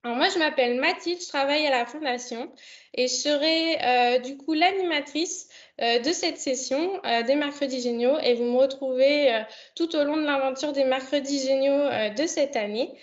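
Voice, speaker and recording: A young woman with a high voice hosts a live online session. She stops often on fillers and restarts her sentences. Her voice comes through a dull, lo-fi video call line. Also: moderate pace. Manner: hesitant, many fillers. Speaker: online event host. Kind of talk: hosting a video conference. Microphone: computer mic on a video call.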